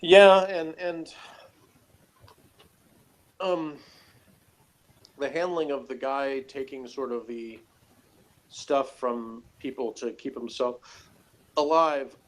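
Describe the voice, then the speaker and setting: A man co-hosting a TV series review talks slowly in a mid-range voice, leaving long pauses. He's casual and analytical but hesitant, rambling as he works through his points.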